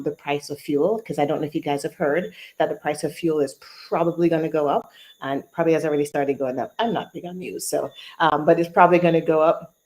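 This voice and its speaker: Casting: woman as informal conference call host, slightly low-pitched voice, chatty, casually addressing an online group. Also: darkish tone, rough recording. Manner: chatty, informal, addresses listeners as "you guys". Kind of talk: casual live-stream hosting, like a conference call host greeting people as they join.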